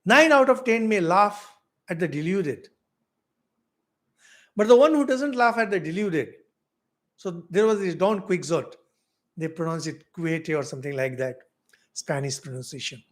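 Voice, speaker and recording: A middle-aged Indian man with an Indian English accent, a monk giving a spiritual lecture, asking rhetorical questions with big swings in loudness. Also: sits high, lively intonation, moderate pace, pauses often. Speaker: monk teaching spiritual philosophy.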